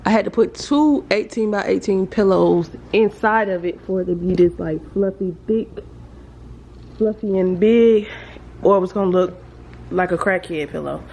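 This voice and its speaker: Over clear household background noise, a woman with a Southern American accent talks informally to her viewers. Her voice sits at a medium pitch. She rambles through a home makeover tour, thinking out loud. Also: normal speed. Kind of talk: casual chat to viewers during a house tour. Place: indoors, rooms of a house. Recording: noisy handheld home recording, household ambience.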